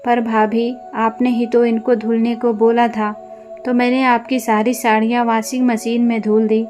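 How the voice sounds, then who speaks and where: A woman voicing a meek young student who pleads gently with her family, with faint music behind. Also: on the high side, flat delivery, unhurried, close to an everyday voice. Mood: defensive.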